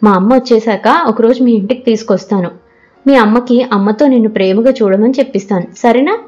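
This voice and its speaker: A woman voicing a calm, kind teenage girl student who speaks gently and reassuringly. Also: fairly high pitch, brisk, dull audio, close to an everyday voice.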